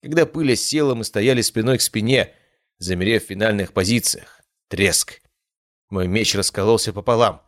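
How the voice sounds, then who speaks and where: Low-voiced male audiobook narrator. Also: normal speed, a bit bright, no echo, studio quality. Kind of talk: first-person scripted fantasy narration.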